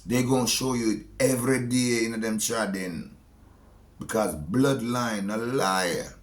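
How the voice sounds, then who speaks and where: A man with a Jamaican accent delivering a slow, preachy monologue. He stresses his points and often repeats phrases. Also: mid-range voice, reverberant. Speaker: speaker giving a monologue.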